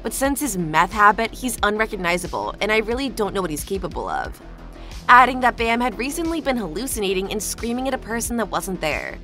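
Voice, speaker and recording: Female narrator for scripted entertainment news, forceful bright delivery, light music bed behind. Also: mid-range voice, sing-song, fairly quick.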